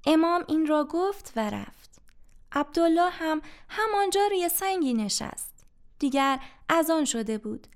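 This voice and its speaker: A woman narrating a storybook tale in a calm, steady reading voice. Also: high voice.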